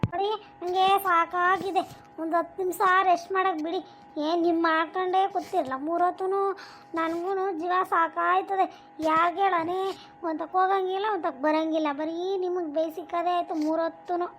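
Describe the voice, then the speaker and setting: A woman voicing a tired young daughter-in-law in a cartoon, exasperated and sharp as she complains about her chores. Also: very high voice, little pitch movement, moderate pace, slight background noise. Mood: fed up. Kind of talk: cartoon voice acting.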